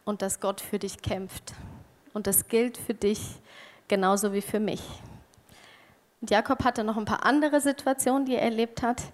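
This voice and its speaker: A woman sharing a Bible verse and preaching in a calm, measured way. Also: a little high. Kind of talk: sermon.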